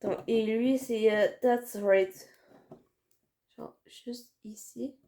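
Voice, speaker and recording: A woman's voice: a little high, steady tone, drawn-out words, dark tone, slight background noise. Hesitant Quebec woman doing a makeup tutorial. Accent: Quebec French. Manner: rambling, hesitant, many fillers and restarts. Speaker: makeup vlogger.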